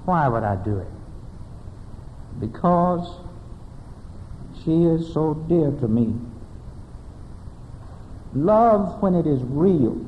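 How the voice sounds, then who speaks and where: An older man preaching a sermon, telling stories with deliberate pauses and ending in prayer. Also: mid-range voice, a little hiss or hum. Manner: storytelling preacher, dramatic pauses, closing prayer. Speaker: pastor. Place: church sanctuary. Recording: dull lo-fi recording with long church reverb.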